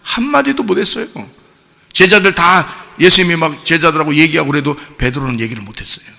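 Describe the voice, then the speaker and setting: A man's voice: fairly high pitch, quick pace, gravelly, bright, forceful tone. A man preaching a Sunday sermon in a church, asking the congregation questions and acting out the quoted lines. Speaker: pastor. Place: church sanctuary. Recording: church hall reverb.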